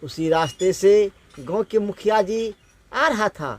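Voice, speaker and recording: A man's voice: high-pitched, slow. A man telling a rustic folk story in a homespun, repetitive way.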